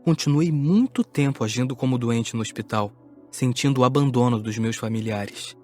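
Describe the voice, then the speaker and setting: A man's voice: medium pitch, moderate pace, a little mellow, faint music behind, lightly acted. A man voicing a former atheist who soberly reflects on his illness and death in an audiobook drama. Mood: reflective.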